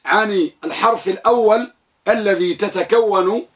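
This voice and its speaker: A high-voiced man runs a grammar lesson in a classroom, firing questions at his students and echoing back each reply. He then works through a long list item by item, keeping a measured, even rhythm.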